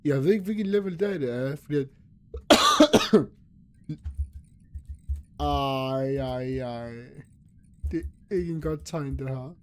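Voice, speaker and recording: A young gaming YouTuber nervously commentates a horror game, talking to himself and his viewers as he gets scared. His voice is medium-pitched and mellow.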